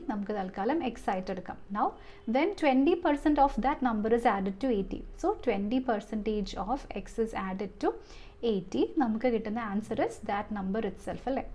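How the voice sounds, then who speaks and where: A woman from Kerala, India, with a Malayali accent coaches for exams, working through maths problems step by step. She often asks rhetorical questions, adds check-in tags and slips into English terms. Her voice is a little high and mellow, and she takes her time.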